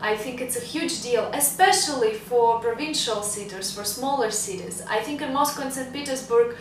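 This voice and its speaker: A woman's voice: on the high side, moderate pace, distant mic. A young woman from Russia, speaking English, chatting casually and upbeat in a vlog and laughing now and then. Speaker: vlogger. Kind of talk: casual vlog talk to camera. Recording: roomy, a little off the mic, faint hiss.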